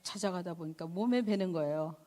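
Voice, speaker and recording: A middle-aged woman missionary giving a conversational church sermon and testimony, animated and chatty, often affirming with a quick "yes". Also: on the low side. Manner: animated, conversational preaching with frequent "네" and laughs.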